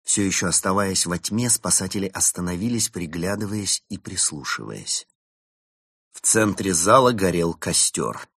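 A man narrating an audiobook story in a steady, expressive reading. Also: low-pitched, normal speed, slightly rough, no echo, clean studio sound.

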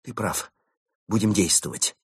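A man voicing a calm, clever male animal who leads his friends with quiet, steady commands. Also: lowish voice, a little slow, slightly rough, dry recording, studio quality. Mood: calm commanding.

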